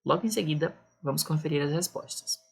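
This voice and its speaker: A woman's voice: sits low, fast talker, creaky, slightly rough. A woman teaching a beginner lesson, patiently explaining each point twice. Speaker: English teacher.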